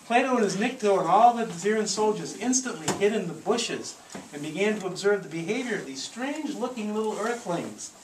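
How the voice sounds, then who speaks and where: Brisk and lively in a mid-range voice, the leader of a live audio theatre show reads theatrically to the group, coaching them along with encouraging asides. A distant handheld camcorder records it, and the room is echoey and noisy.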